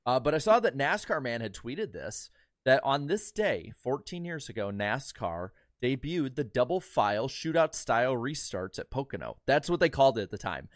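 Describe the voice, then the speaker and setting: A man's voice: mid-range voice, very animated, normal speed, dry recording, clean studio sound. A man co-hosting a motorsport podcast, reading news items in a loose, joking way with lots of fillers. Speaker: podcast co-host. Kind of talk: casual podcast chat.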